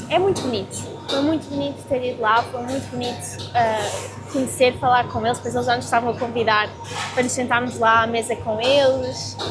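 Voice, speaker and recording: A young woman with a European Portuguese accent, telling a travel story to camera in an excited, expressive way, acting out the dialogue she quotes. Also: sits high. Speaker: travel vlogger. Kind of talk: casual vlog talk to camera.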